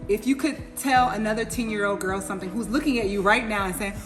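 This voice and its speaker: A woman chatting casually as an interviewer in a restaurant. She is animated, laughs often and turns to talk to her viewers. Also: mid-range voice, fast talker. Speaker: interviewer, vlogger. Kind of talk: casual chat. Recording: clear background music.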